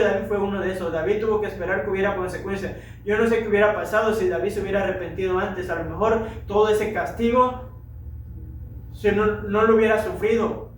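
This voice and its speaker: High-pitched preacher guy, talking straight to the congregation, super echoey, far from the mic. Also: slight background noise. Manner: addresses listeners directly with rhetorical questions. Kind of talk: sermon.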